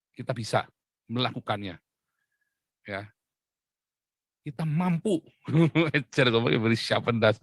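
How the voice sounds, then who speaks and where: A man's voice: mid-range voice, fairly bright tone, no echo. Man, preacher, jokey sermon, laughs a lot, dry close sound. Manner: jokey, acts out dialogues, laughs often. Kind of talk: humorous sermon.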